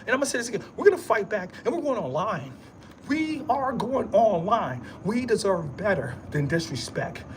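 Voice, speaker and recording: Emphatic man with a swinging, lively voice. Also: high-pitched, normal speed, background noise. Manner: repetitive, emphatic, streetwise slang. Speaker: vlogger. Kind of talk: rambling motivational monologue.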